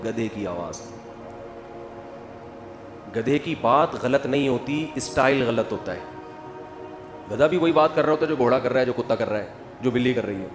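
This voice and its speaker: A man giving a humorous religious talk, acting out quoted voices and building to loud emphasis. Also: medium pitch, animated, pauses often. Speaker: Islamic preacher. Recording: echoey hall with faint music.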